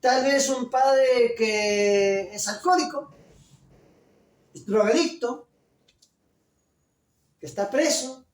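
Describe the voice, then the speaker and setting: A pastor delivering a sermon, loud and emphatic, full of rhetorical questions. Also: male voice, extremely high pitch, slow, pauses often. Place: church. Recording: echoey church from a distance.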